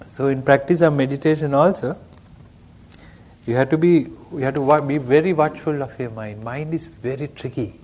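A male meditation teacher gives an unhurried dharma talk, his voice sitting at an ordinary middle pitch. He keeps it conversational and often turns to his listeners with a question. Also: darkish tone, slight background noise.

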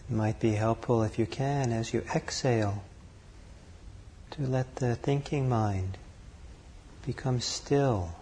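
A man leading a guided meditation, calm and unhurried, speaking in short phrases with long pauses between them. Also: medium pitch, slight background noise. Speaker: meditation teacher.

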